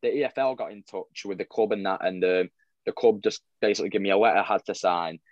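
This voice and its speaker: A man's voice: fairly low pitch, fast, dry recording, dull audio. A young man, a football vlogger telling stories in a rambling casual chat, full of restarts and fillers. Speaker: football fan vlogger, guest.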